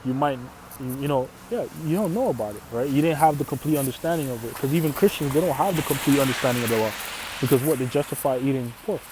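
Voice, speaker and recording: A religious teacher from Canada whose first language is Arabic teaches scripture informally, often checking in with "right?" and restarting phrases. His mid-range voice moves fast over a noisy background.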